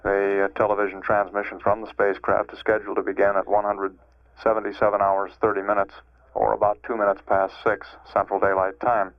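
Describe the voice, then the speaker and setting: Flat, low-voiced male mission control announcer. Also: dry recording. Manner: measured, halting, formal. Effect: archival broadcast radio sound. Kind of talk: live spaceflight status commentary. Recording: dull, band-limited archival radio feed.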